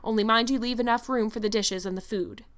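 A woman's voice: a little high, fairly even intonation, lightly acted. Woman voicing Marilla, a stern, blunt older guardian. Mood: dismissive. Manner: brisk, blunt, scolding. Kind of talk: storybook character voice.

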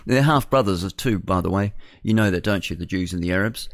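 A New Zealand man in his sixties, serving as a radio host, delivers a rambling, digressive opinion monologue in a conversational style full of rhetorical tag questions. His voice sits low and moves briskly, recorded with studio quality and no echo.

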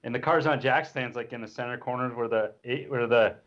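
A man in his fifties, a rally driver, telling stories in a relaxed, chuckling way. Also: mid-range voice, brisk. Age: 50s. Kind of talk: casual storytelling. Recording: dull lo-fi recording.

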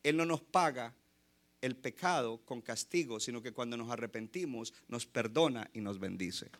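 A man's voice: medium pitch, moderate pace. A man from Colombia, preaching an impassioned sermon as a pastor and mixing in English phrases.

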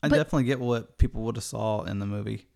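A man's voice: fairly low pitch, rapid-fire, gravelly, darkish tone. A man co-hosting a podcast, chatting casually and easily about a movie. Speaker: podcast co-host. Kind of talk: casual movie-review chat.

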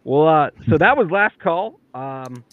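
A man's voice: fairly high pitch, expressive, unhurried, no echo, phone-quality sound. A man in casual podcast banter, joking and rambling with restarts.

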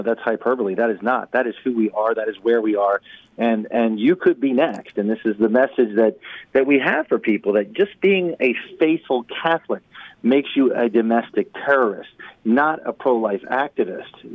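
A middle-aged man speaking as a guest in a radio interview, forceful and emphatic, repeating key words. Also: mid-range voice, no echo. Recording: tinny phone-like line, dry.

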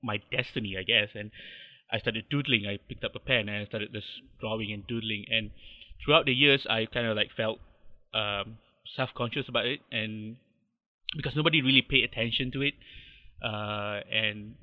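A man's voice: lowish voice, steady tone, moderate pace, dull audio. A man in his thirties with a Malaysian accent, a podcast guest talking in a hesitant, modest way with many fillers. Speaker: podcast guest, fan artist. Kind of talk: casual interview chat.

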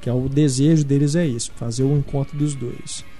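Man, mellow, casual host chat, light music behind. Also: mid-range voice, steady tone, fairly quick. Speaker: podcast host. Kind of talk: casual film news chat.

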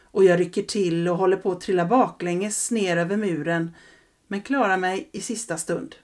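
Calm Swedish woman telling a story. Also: fairly low pitch. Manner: calm, reflective narration. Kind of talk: first-person storytelling.

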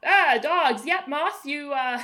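A woman's voice: high voice, pushed and bright, exaggerated voice. A woman playing a stammering lovestruck young man. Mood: flustered. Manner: halting, stammering, dazed. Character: awestruck young male adventurer, lovestruck and flustered.

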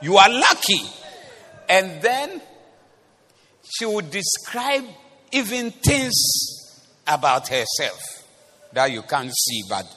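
A man preaching a sermon in church, animated and teasing, talking straight to the congregation. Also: high voice, slow, long pauses, slight background noise. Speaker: pastor. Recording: long reverb of a church hall.

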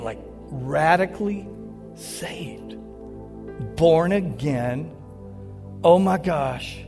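High-voiced preacher in a reverberant hall. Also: male voice. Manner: animated storyteller, joking with the crowd. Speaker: pastor. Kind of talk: sermon. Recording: long hall reverb with faint music.

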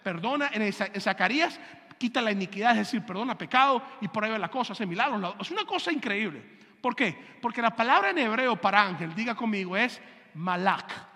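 High bright-voiced male pastor in reverberant hall. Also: lively intonation, fast talker. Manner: has the congregation repeat terms and checks they follow. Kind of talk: teaching sermon.

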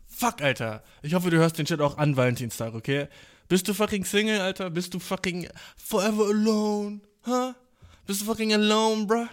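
A young man chats through his solo podcast in a hyperactive, playful rush. His voice sits a little high, and he swears freely and calls everyone bro. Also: fairly even intonation, moderate pace. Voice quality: slangy, swears a lot, says bro constantly. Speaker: podcast host. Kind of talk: casual solo podcast chat. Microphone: phone in hand.

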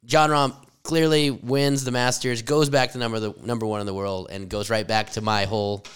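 A man's voice: medium pitch, flat delivery, moderate pace, clear, resonant tone. A man co-hosting a podcast, chatting casually and animatedly about golf, swearing freely and laughing often. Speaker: podcast co-host.

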